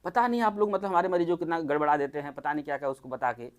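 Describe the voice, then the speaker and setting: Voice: mid-range voice, steady tone, racing. Chatty doctor. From Uttar Pradesh, India. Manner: chatty, asks the listeners many rhetorical questions. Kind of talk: informal health talk to a small group.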